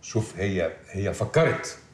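An actor playing an older man who calms a hotheaded friend, quick and exasperated, with an Egyptian accent. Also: deep voice, slight background noise. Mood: placating. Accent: Egyptian Arabic. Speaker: senior official in a TV series.

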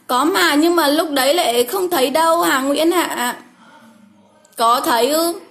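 A woman speaks a little slowly in a high-pitched, fairly bright voice as she runs a casual home livestream. Drawing giveaway winners, she chats, repeats names over and over, and exclaims often.

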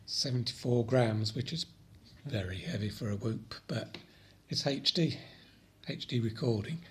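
A man with a croaky voice from a cold, casually explaining a fix in a hobby vlog, rambling with frequent ums and repeated words. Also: medium pitch. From Britain. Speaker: drone hobby channel host.

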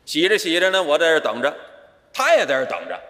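A man leads a live crosstalk act on a theater stage. His voice sits high and swings widely as he tells the story and jumps into the other characters' lines. The microphone picks up the long reverb of the hall. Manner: animated storytelling that switches quickly into acted dialogue. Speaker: lead comic of a crosstalk duo.

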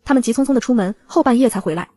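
A woman narrating a web novel audiobook in a brisk, even storytelling voice. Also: fairly high pitch.

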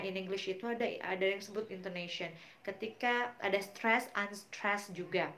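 A woman's voice: medium pitch, a bit bright, a little hiss or hum. A woman English teacher with an Indonesian accent, explaining grammar and pronunciation in an online class and patiently repeating English example words.

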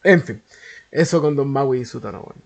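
A man's voice: medium pitch, lively intonation, moderate pace, vocal fry, a little mellow. A man with a Chilean accent telling a story in a casual, slangy, profane way that rambles along. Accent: Chilean Spanish. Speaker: YouTuber.

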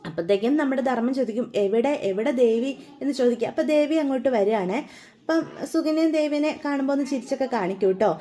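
A woman's voice: high-pitched, animated, very fast, mellow. A woman casually retelling a TV serial episode in a chatty way, often addressing her listeners. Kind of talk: casual spoken story retelling.

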